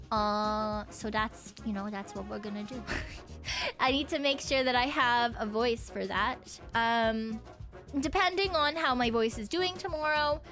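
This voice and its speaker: On a relaxed stream, a talkative woman wanders from thought to thought, laughing along and cursing freely over faint music. Her voice is fairly high and a bit bright, with a slight huskiness in her throat.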